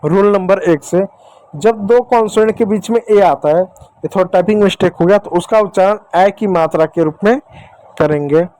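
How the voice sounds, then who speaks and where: A man with a fairly high voice and a Hindi accent teaches children to read English. He asks a question and answers it himself, and he spells out each letter slowly and deliberately. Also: darkish tone, dry recording, rough recording. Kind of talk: explaining phonics on a board.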